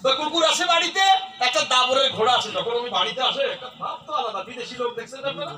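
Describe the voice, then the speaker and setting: Brief: male folk singer chatting to a crowd from the stage, very high voice, roomy echoey sound. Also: lively intonation, rapid-fire, pushed and bright. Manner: chatty, calls the audience "baba", quizzes them. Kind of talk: joking stage storytelling to a live crowd. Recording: echoey stage sound from far off, music behind.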